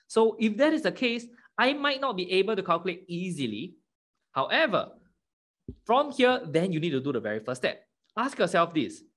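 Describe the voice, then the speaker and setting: A young man leads an interactive lesson for primary school children. He sounds like a kids' show host, with a very animated pitch. He keeps prompting his listeners with questions as he explains. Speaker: online maths tutor for primary school children.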